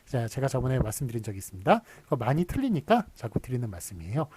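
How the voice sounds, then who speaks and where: A man's voice: medium pitch, very animated, quick pace, darkish tone, slight background noise. A man from giving a recorded university lecture, explaining patiently with many fillers and restarts and drawing out his examples. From Seoul.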